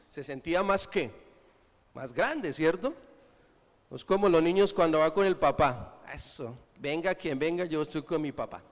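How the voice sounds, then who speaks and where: Pastor guy preaching, kinda high voice, keeps asking the crowd to finish his lines, big echoey church. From Colombia. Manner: prompts the congregation with questions to fill in words. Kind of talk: sermon. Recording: reverberant church hall.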